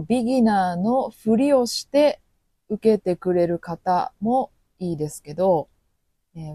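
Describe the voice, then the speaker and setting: A woman teaching Japanese with a Kansai accent, speaking slowly and clearly and acting out short quoted lines. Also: mid-range voice, dark tone, no echo. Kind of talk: podcast language lesson.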